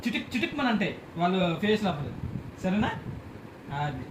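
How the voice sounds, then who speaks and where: A woman's voice: mid-range voice, sing-song, moderate pace. A woman in a home vlog, chatting playfully with a baby in coaxing baby talk and asking the same questions over and over. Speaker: vlogger talking with a baby. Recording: echoey room with loud background noise.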